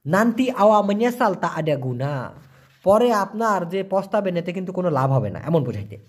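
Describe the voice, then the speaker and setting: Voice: mid-range voice, big pitch swings, moderate pace, breathy edge. Teacher drilling vocabulary. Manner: asks rhetorical questions and repeats words to drill them. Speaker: language teacher. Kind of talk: casual explanatory lesson.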